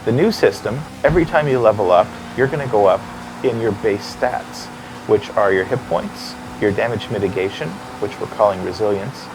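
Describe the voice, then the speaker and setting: A man's voice: fairly low pitch, expressive, normal speed. A man hosting a game livestream, casually walking viewers through an upcoming update. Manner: explains game updates at length, upbeat. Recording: background hum and noise.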